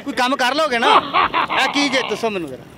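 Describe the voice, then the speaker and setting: A man's voice: very high-pitched, big pitch swings, a little fast, crowd noise. A man hosting a comedic street interview outdoors, playful and pushy as he coaxes passers-by. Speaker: comic street interviewer and prankster.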